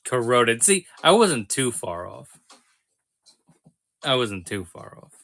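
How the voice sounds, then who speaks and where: A man's voice: medium pitch, sing-song, slow, creaky, fairly bright tone. A man hosting a live toy sale stream, chatting casually with viewers, joking and laughing often.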